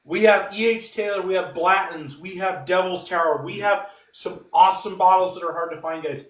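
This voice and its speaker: A podcast host runs a casual livestream giveaway, speaking emphatically, repeating himself and calling his audience "guys." His voice is high and fairly bright, at normal speed. The room is echoey and the microphone sits at a distance.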